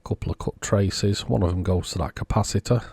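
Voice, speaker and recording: Man, deep voice, gravelly fry, casual repair commentary, unhurried, thinking aloud while he works. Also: dark tone, dry recording, clean studio sound. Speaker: electronics repair vlogger. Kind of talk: casual technical commentary while inspecting a circuit board.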